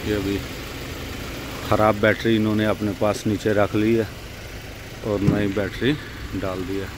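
A man's voice: lowish voice, flat delivery, unhurried, background noise. A young man vlogging casually at night by a roadside, showing things to the viewer on a handheld phone. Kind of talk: casual vlog narration.

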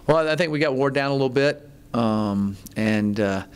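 A middle-aged man, a head football coach, answering reporters at a postgame press conference, halting, with many ums and restarts. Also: medium pitch, clean tone. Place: press conference room, seated at table. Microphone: table mic in front.

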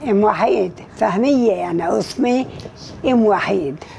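Gravelly ninety-year-old woman. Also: mid-range voice, normal speed, a little mellow, slight background noise. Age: 90s. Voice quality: gravelly, aged voice. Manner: short, plain answers. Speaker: interviewee. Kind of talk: filmed interview. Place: indoors against a plain wall.

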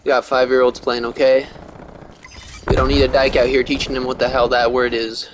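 A man's voice: medium pitch, little pitch movement, fairly quick. Taunting man in game voice chat. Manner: taunting, mocking. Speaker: online game player. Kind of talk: heated voice chat. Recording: gaming voice chat with noisy gunfire.

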